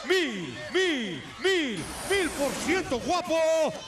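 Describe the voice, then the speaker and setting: A Mexican man in lucha libre announcer style, hyping wrestlers with drawn-out shouts and emphatic repeated words. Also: extremely high pitch, sing-song, distant mic. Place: ringside at a packed outdoor arena. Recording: loud live arena broadcast with music.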